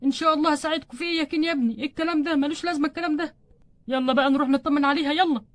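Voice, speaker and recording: A woman with an Egyptian Arabic accent voicing a kindly older grandfather who calms and gently chides. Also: high voice, racing, slight background noise, lightly acted. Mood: reassuring. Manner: calming and gently chiding.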